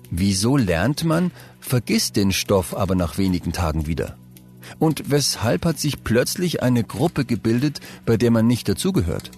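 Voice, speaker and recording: A man narrating scripted advice for young people, speaking calmly and addressing the listener directly. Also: mid-range voice. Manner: calm, direct second-person advice.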